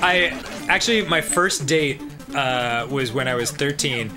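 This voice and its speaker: Over game music, this co-host from New Jersey swaps laid-back stories while playing, speaking in a mid-range voice at a measured pace. He laughs a lot, stays lively and performs the voices of people he quotes.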